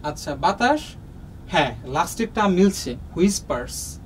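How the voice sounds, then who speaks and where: A Bangladeshi man with a Bengali accent slowly and patiently explains a lesson to young students, using many pauses and fillers. His voice sits high and sing-song, and he's off the distant mic in a rough recording with faint room noise.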